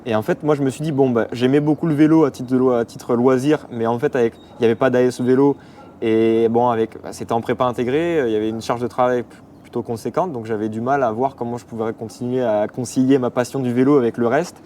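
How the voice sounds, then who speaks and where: Young man from the Paris region, quick casual guest talk full of fillers, faint noise behind. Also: mid-range voice, steady tone, warm tone. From Paris region, France. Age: 20s. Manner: rapid, hesitant with many fillers. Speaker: athlete guest. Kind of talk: casual interview.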